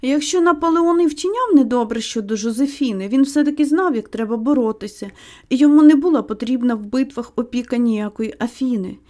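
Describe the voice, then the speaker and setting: A woman narrating an audiobook of a classic novel with expressive reading. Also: sits high.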